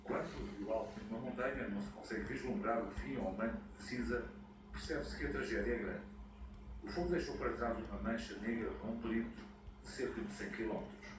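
A man with a European Portuguese accent narrating a news report in a solemn, deliberate way. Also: fairly low pitch. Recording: echoey, distant, loud background noise.

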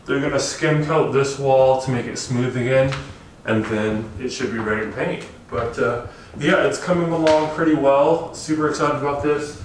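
An upbeat young man chats his way through a house renovation in a casual vlog, scattering fillers as he goes. He is recorded on a handheld camera at arm's length, with his voice bouncing around bare, echoey rooms. A clear hum of background noise runs under everything. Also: mid-range voice, normal speed. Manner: upbeat, chatty, with frequent fillers. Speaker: home renovation vlogger. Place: house under renovation and its yard, indoors and outdoors. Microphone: handheld camera held at arm's length.

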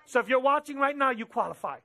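A man in his thirties preaching on a church stage, speaking through a headset mic. His voice sits very high and sounds bright and forceful. He preaches with animated gestures and quick quoted asides. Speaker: pastor. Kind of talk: sermon. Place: church stage with drum kit behind, indoors.

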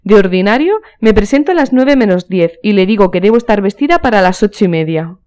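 A woman's voice: mid-range voice, expressive, fairly quick, a little mellow, clear, resonant tone, lightly acted. The Duchess, a woman reading as a teasing noblewoman. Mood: teasing, playful. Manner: teasing, coquettish. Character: playful flirtatious aristocratic duchess.

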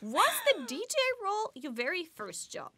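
A woman's voice: high voice, big pitch swings, normal speed, pushed and bright. A woman co-hosting a casual chat interview in a studio, reacting readily and repeating her words. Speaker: co-host, interviewer. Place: small radio studio, indoors. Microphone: desk gooseneck microphone.

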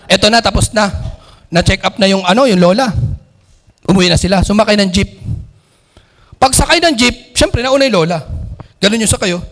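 A man, a training director, telling a comic story to a live audience in an animated way, acting out every part. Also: very high voice, long reverb tail, slight background noise.

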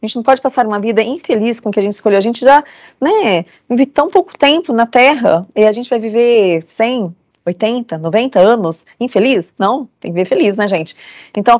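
With a voice on the high side and a little mellow, recorded with no room sound, a Brazilian woman in her forties lectures students via video call. Her motivational talk is earnest and emphatic, and she repeats phrases for conviction.

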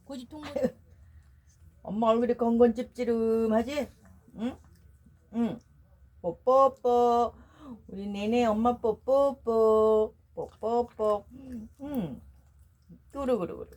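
A woman's voice: mid-range voice, warm tone. A middle-aged woman at home, cooing to her pet dogs in playful baby talk and repeating words over and over.

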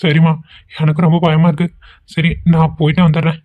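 A performer voicing a gentle, anxious young husband in a cartoon, asking questions and reassuring his wife. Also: mid-range voice, little pitch movement, a little fast, natural voice. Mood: worried. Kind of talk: cartoon voice acting. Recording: tinny phone-like sound.

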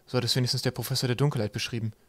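A man voicing an earnest young male sky-pirate captain, speaking eagerly and a little higher than his narration. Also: flat delivery, racing, a bit bright, no room sound, lightly acted.

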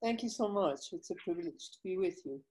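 A woman's voice: on the low side, animated, fairly quick, darkish tone, poor audio. An older woman from Guatemala, a foundation president, explaining her work earnestly over a video call while feeling weak from illness.

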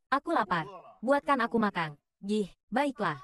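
A woman's voice: mid-range voice, very animated, moderate pace, fairly bright tone. A woman dubbing a short drama, voicing all the roles in her own everyday voice. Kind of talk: dubbed short drama dialogue.

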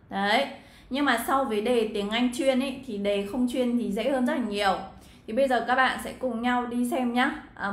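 A woman's voice: fairly high pitch, reverberant. A woman from Vietnam, an English teacher, chatting her way through an exam walkthrough and talking straight to her students. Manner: chatty, addresses students directly, frequent fillers.

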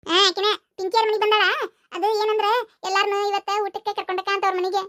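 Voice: level tone, bright, forceful tone, no room sound, studio quality. A voice actor playing a chatty, teasing village boy in a cartoon, speaking with a North Karnataka Kannada accent. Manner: high, rapid, teasing. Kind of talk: cartoon voice acting.

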